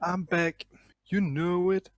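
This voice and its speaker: A man's voice: sits high, level tone, slow, muffled recording. A young man chatting casually while gaming with friends, teasing and laughing a lot. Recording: faint background noise.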